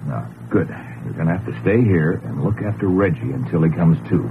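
An actor playing an urgent, protective American man in command, giving hurried, halting orders in a 1940s radio adventure. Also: low voice. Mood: reassuring, firm. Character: take-charge male adventure leader, urgent and protective. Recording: noisy, tinny old radio recording.

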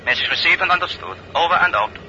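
Base operator, high-ish and brisk, muffled over a radio. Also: male voice, sing-song, pushed and bright, full character voice. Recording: dull lo-fi radio line with faint noise.

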